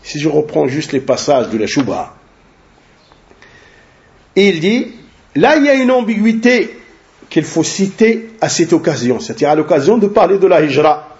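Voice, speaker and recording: A man giving a religious lesson, translating a scholar's talk slowly and deliberately and often adding short tag questions. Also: fairly high pitch, sing-song, darkish tone. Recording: dull lo-fi recording.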